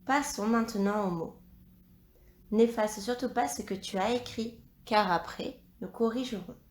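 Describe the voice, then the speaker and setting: A woman teacher reading a dictation for young pupils, pronouncing each syllable and word slowly and carefully. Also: fairly high pitch, a little hiss or hum. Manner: slow, carefully articulated dictation. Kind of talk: classroom dictation lesson. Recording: echoey room.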